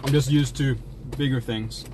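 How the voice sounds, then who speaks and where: A man's voice: medium pitch, fairly even intonation, moderate pace, background noise. A young man livestreaming, chatting casually while eating, in a jokey, folksy put-on American drawl. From Sweden. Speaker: streamer.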